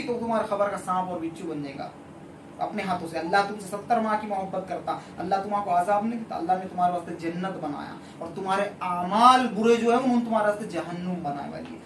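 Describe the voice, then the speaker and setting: A man's voice: high voice, fast talker, slight background noise. A man, a faith healer, preaching a sermon in a scolding, admonishing manner. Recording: echoey room, voice far from the mic.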